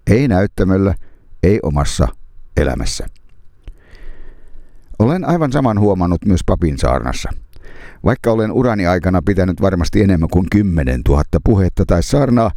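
A middle-aged pastor reads a scripted essay in a low, gravelly voice. His pitch swings widely as he builds rhetorical points with long, deliberate pauses. The sound is dry and close. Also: warm tone, no echo. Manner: measured, rhetorical delivery with dramatic pauses. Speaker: pastor and public speaker.

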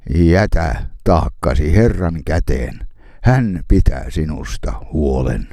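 A man giving a devotional sermon, reading hymn verses, psalms and scripture in a slow, measured way with solemn pauses. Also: low-pitched, dark tone, no echo, clean studio sound. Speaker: preacher.

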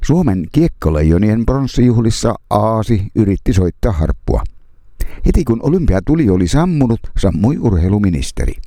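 A middle-aged man, a pastor, reading a scripted spoken essay in a measured, rhetorical way with dramatic pauses. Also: lowish voice, warm tone, no echo, studio quality. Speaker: pastor and public speaker.

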